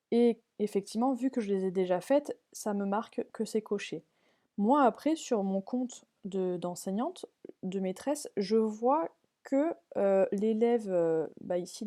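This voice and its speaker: A woman's voice: mid-range voice, warm tone. A woman primary school teacher walking parents and pupils through a learning app on screen, step by step, patiently checking that they follow.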